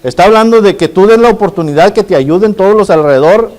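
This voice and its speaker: A middle-aged pastor delivers a sermon in a fairly high voice. He keeps calling on his listeners as brothers and keeps asking them questions. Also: quick pace, a little mellow. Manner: addresses the congregation as brothers and asks rhetorical questions.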